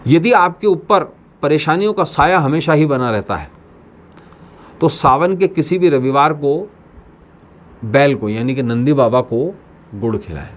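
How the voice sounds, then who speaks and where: A man's voice: on the high side, measured pace, pauses often. A man hosting his own channel as an astrologer, addressing viewers in a scripted talk with emphatic, repeated phrases. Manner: declaiming, with emphatic repetitions. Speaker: astrologer host.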